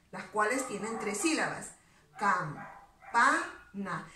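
Woman teacher, high voice, unhurried, patient delivery for a children's class, recorded from afar in a noisy space. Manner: slow, patient, drawing out stressed syllables. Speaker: primary school teacher. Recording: roomy distant recording with steady background noise.

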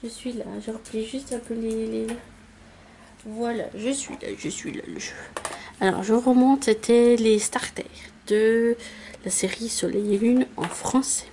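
A woman's voice: a little high, warm tone, slight background noise. A woman YouTuber casually announcing giveaway winners, hesitant and full of fillers. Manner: slow, hesitant, many fillers. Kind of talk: casual vlog chat.

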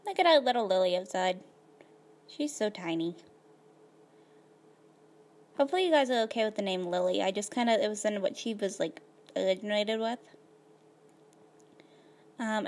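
A gaming video host with a middle-pitched, slightly hoarse voice, as if she's losing it, rambles through a life-simulation game in a laid-back way, peppering her talk with "um" and "like." She speaks at a moderate pace, pauses often, and sounds close to a desktop mic.

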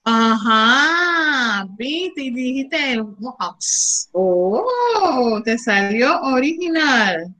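Speaking very slowly with big pitch swings, this Panamanian-accented woman English teacher has a high, pushed, bright voice on a rough recording. She coaches her online students warmly, praising them and moving back and forth between Spanish and English.

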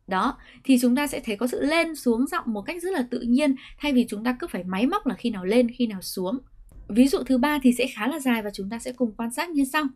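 A woman with a Vietnamese accent teaching English pronunciation, explaining patiently and slowing down to model example sentences. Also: a little high.

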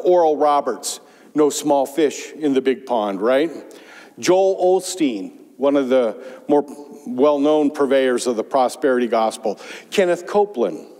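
Older guy pastor giving a sermon, kinda high voice, chatty asides, lapel mic, long church echo. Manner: conversational, animated preaching with rhetorical asides. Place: large church sanctuary. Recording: church sanctuary reverb.

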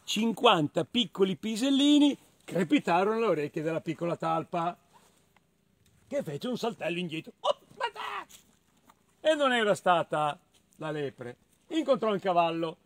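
A man reading stories to children outdoors at a farm, playful and animated. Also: sits high, normal speed, dry recording. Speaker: storyteller for children.

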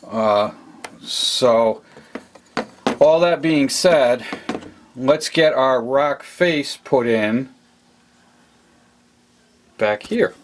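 A man speaks very slowly, with lively intonation and frequent pauses, in a mid-range voice while demonstrating model railroad work step by step. He's at his train layout in a hobby room, narrating casually and repeating himself. Slight background noise is present.

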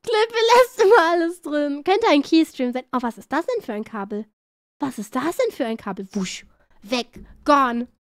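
A woman streamer reacting live to clips, excitable and playful, often shrieking, laughing and repeating words. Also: high-pitched, moderate pace, no echo, clean studio sound.

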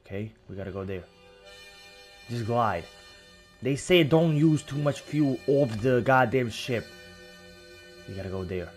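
Excitable swearing gaming man. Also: medium pitch, measured pace, long pauses, soft background music. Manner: excitable, swearing, sudden shouts. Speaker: gaming channel host. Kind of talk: let's play commentary.

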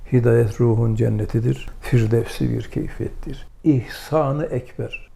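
Older male lecturer: very gravelly, mellow timbre, storyteller who acts out the dialogue. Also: mid-range voice, a little hiss or hum. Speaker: religious lecturer. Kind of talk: religious lesson with anecdotes.

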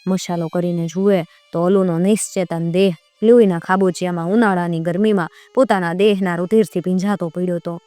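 A woman storyteller with a Kathiyawadi accent recounts a heroic folk legend. Her telling is vivid and dramatic, in a mid-range voice. The recording is dry and close, with soft music underneath. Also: on the low side, steady tone, a little fast, hardly any pauses, no echo. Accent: Kathiyawadi Gujarati. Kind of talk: dramatic folk tale narration.

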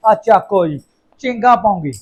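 A man's voice: high voice, expressive, moderate pace, highs cut off, slight background noise. A man with a Punjabi accent chatting casually to viewers as he cooks at home, playful and exclamatory, often repeating his phrases. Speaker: home cooking vlogger. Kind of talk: casual chat to viewers while cooking.

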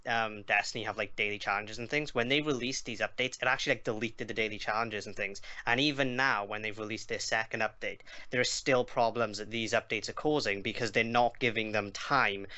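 A man's voice: on the low side, fairly even intonation, a little fast, hardly any pauses, sharp tone, lo-fi sound. A man from Wales with a Welsh accent, a podcast guest chatting casually about games, with frequent ums and likes.

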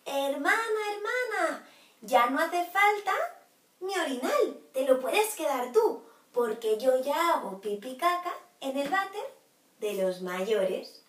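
Lady doing a tiny desperate puppy for a kids' storybook, high whiny sing-song voice, echoey and kinda far from the mic. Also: a little slow. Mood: proud. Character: small anxious male puppy needing the potty. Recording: roomy echo, from far off.

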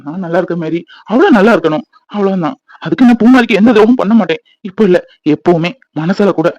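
A man's voice: high voice, lively intonation, darkish tone, dry recording, dull audio. A man voicing a loving young husband in a cartoon, earnest and reassuring. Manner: soothing, coaxing, explaining quickly.

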